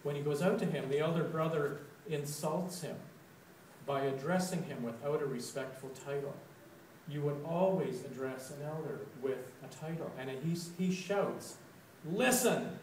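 A man giving a sermon reflection, telling a story slowly and deliberately. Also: a little high, darkish tone, a little hiss or hum. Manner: slow, deliberate storytelling, with dramatic quoted outbursts. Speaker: preacher. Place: church sanctuary. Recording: echoey church, recorded from a distance.

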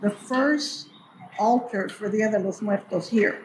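A community elder and storyteller, an older woman, casually and unhurriedly shares memories in a medium-pitched voice, repeating phrases to emphasize them. The large hall at a cultural building makes the recording echoey, and the background noise is clearly audible.

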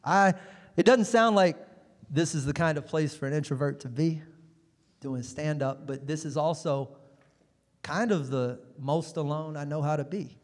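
A man doing stand-up comedy on a club stage into a handheld mic, telling stories in an animated, conversational way. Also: fairly high pitch, a little slow. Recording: long reverb of a comedy club.

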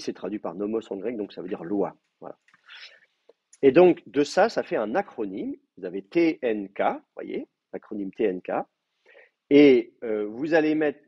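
A man's voice: mid-range voice, husky. A man giving a classroom lecture, explaining step by step with many hesitations and checking in with his students. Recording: dull lo-fi classroom recording.

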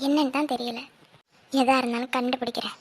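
A woman's voice: high voice, fairly even intonation, a little fast, slightly rough. A woman voicing a fretful, scolding village mother in a cartoon.

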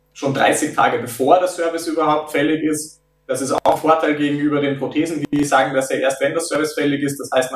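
A man in his thirties, a product developer, explains things in an interview in a measured way, often pausing on filler sounds. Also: fairly high pitch. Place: office meeting room. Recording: roomy and distant.

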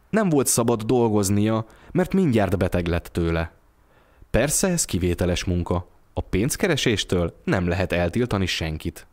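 A man telling a classic short story aloud in a lively, expressive narration for an audio storybook. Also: low voice.

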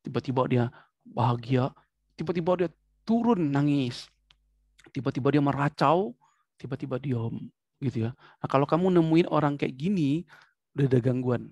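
A man teaching a psychology class to students, lively, acting out short examples as he explains. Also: mid-range voice, moderate pace, pauses often, dry recording. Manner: animated, acts out short examples. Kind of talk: classroom lecture.

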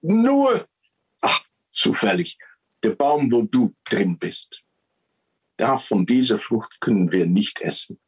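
A man voicing Eve as a naive, eager young woman who answers in a quick, chatty way. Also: lowish voice, big pitch swings, husky, heavily acted, low-quality recording.

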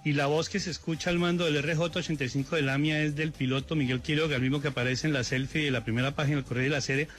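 A man's voice: fairly high pitch, steady tone, very fast, few pauses, a bit bright. A man giving a live radio news report as a correspondent.

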